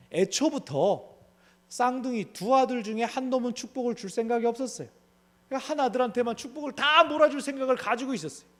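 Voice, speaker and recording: A man pastor preaching an expository sermon in a conversational way. He asks rhetorical questions and acts out the characters' lines in dramatized voices. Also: high voice.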